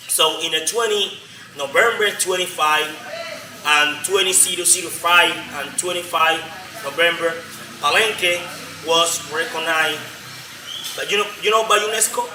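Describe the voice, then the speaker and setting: A man from Colombia with a Colombian Spanish accent, explaining his community's history as a local guide in halting, repetitive English. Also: on the high side. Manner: halting non-native English, repetitive, frequent "you know?". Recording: roomy, distant from the mic, faint noise.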